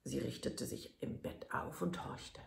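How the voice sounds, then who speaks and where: A woman storyteller reads a fairy tale in a calm, measured way. She takes her time, and a gravelly fry sits in her lowish voice. The reading echoes in the room.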